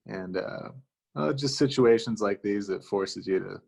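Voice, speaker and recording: A man's voice: fairly low pitch, unhurried, gravelly, a little mellow, slightly rough. A male musician being interviewed over a video call. He speaks in a laid-back, thoughtful way with dry humor. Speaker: musician guest. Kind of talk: casual interview chat.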